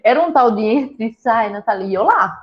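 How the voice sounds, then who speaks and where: A woman from a small town in Brazil tells her own story in a casual talk. She jokes a lot and acts out other people's lines. Her voice sits a little high and comes through dull and lo-fi. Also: a little fast. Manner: lively, joking storyteller. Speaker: breast cancer patient sharing her story. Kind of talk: casual conversation. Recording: dull lo-fi sound.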